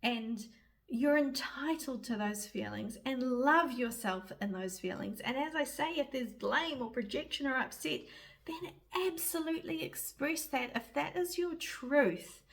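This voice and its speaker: Soft-spoken New woman, slow. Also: high voice. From New Zealand. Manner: gentle, soothing, reflective. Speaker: spiritual reader and guide. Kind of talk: spiritual guidance talk.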